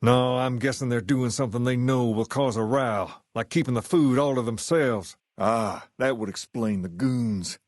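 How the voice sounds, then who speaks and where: A man's voice: mid-range voice, a little mellow, no echo, clean studio sound, lightly acted. Man voicing The King, folksy, self-assured gang boss. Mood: cool, assured. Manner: folksy, colloquial, measured delivery. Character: easygoing, self-assured gang leader styled as a rock-and-roll king. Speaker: video game voice actor. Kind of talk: scripted game character dialogue.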